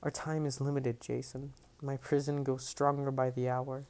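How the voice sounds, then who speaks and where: A man reading aloud, voicing an imprisoned female goddess who is commanding and ominous, in his own voice, low, measured and stern. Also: little pitch movement, a little mellow, natural voice.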